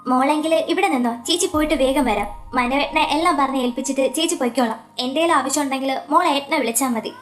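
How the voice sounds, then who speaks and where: A woman's voice: high voice, quick pace, soft background music, lightly acted. A woman voicing a caring young woman who looks after her younger companion and frets easily. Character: caring young woman, elder sister figure.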